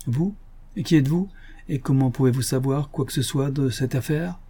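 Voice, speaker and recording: A jittery, pleading little man, as a male reader puts him on, his voice pitched up. The reader's tone stays husky and mellow. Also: normal speed. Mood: anxious. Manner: anxious, pleading. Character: nervous small timid man. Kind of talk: audiobook reading.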